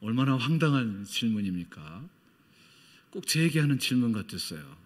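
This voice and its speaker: A man's voice: very animated, normal speed. A middle-aged man preaching as a missionary, telling his story with feeling and acting out the voices of people he quotes. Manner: emotional storytelling, acts out quoted dialogue with big swings in pitch and loudness. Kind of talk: sermon. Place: church. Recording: long church-hall reverb.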